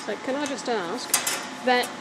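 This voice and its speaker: A woman's voice: a little high, lively intonation, measured pace, heavy background noise. A woman in a workshop asking short, curious questions about the work. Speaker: asker of questions.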